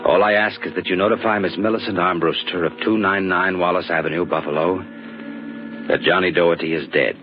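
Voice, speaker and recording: An actor playing a tough, wry young American private detective in a radio drama, with hardboiled slangy delivery. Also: male voice, sits low, steady tone, brisk, slight background noise, natural voice. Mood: grim, wry. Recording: dull old radio recording with music.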